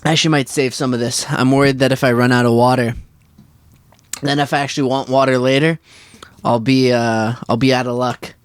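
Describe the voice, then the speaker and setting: A man's voice: mid-range voice, fairly even intonation, clear, resonant tone, dry recording. A man co-hosting a casual podcast chat from a parking lot, rambling and restarting his sentences often. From Washington state. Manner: rambling, halting with many restarts. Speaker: podcast co-host. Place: parking lot near a van.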